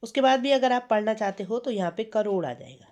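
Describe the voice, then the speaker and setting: A woman's voice: a little high, animated, a little fast, a little mellow. A woman teacher giving a patient math lesson, often checking in with her pupils and asking them questions. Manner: patient, repeats 'theek hai' and asks questions.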